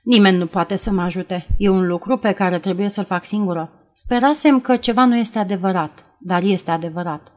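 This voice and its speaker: Guarded secretive young woman read by a woman, calm measured delivery, audiobook character. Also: mid-range voice, natural voice.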